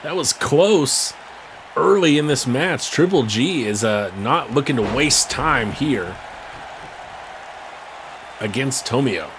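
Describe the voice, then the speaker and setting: A male wrestling commentator does play-by-play in short, clipped bursts. His voice has an ordinary male pitch and sits over clearly audible background noise. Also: lively intonation, slow pace, pauses often. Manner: calls the action in short bursts.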